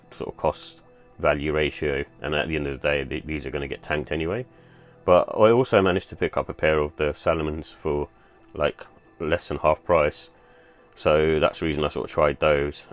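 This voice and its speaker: A man giving a casual, rambling sneaker review voice-over, full of fillers like "sort of" and "kind of". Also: a bass voice.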